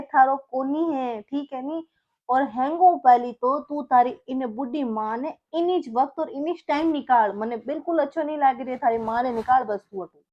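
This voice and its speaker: Comic skit: a woman doing a rude, bossy Marwari husband, high voice, sneering questions. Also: dull audio. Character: angry young husband, harsh, domineering.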